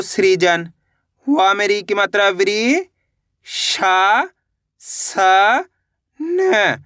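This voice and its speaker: A man's voice: high-pitched, fairly bright tone, no echo, studio quality. A man teaching beginners to read, sounding out each word syllable by syllable and then saying it whole, patient and repetitive. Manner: patient, repeats "how will you read it?". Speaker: Hindi reading teacher. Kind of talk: slow reading lesson for beginners.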